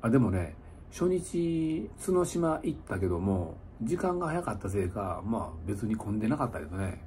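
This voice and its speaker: Middle-aged kansai guy, kinda tipsy, lowish voice, rambly vlog chat in a noisy little room. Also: very animated, normal speed, a little mellow. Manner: rambling, chuckling, conversational asides. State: slightly tipsy after an hour of drinking. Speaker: motorcycle touring vlogger. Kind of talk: casual livestream-style chat to viewers. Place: small indoor lodging room. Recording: noticeable background room noise.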